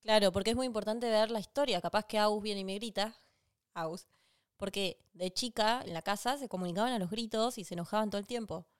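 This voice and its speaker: A woman's voice: mid-range voice, quick pace, clear, resonant tone, no room sound, studio quality. A woman with an Argentine accent co-hosting a podcast, explaining relationship ideas emphatically and acting out little quoted exchanges. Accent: Rioplatense Spanish. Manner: animated, emphatic, acts out quoted lines. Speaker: podcast co-host. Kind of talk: casual relationship advice chat.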